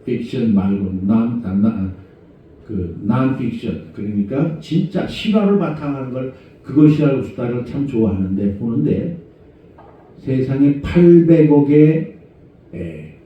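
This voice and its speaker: A middle-aged man preaching a conversational sermon as senior pastor, asking rhetorical questions and moving between low murmurs and raised exhortation. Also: lively intonation, measured pace, a little hiss or hum. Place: church sanctuary. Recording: echoey church hall, far from mic, dull sound.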